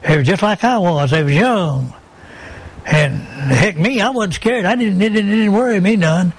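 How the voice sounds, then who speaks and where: A man's voice: high voice, animated, normal speed. An elderly American man, an old veteran remembering the war in plain, folksy, repetitive phrases. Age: 80s. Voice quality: creaky aged voice.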